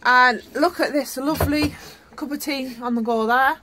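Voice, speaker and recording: A middle-aged woman talks her way around her allotment, pointing out each bed as she walks. Her voice sits a little high. Loud wind and outdoor noise rush across her handheld phone mic. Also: fairly even intonation, normal speed. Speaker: vlogger. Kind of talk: casual allotment tour. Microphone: handheld phone camera.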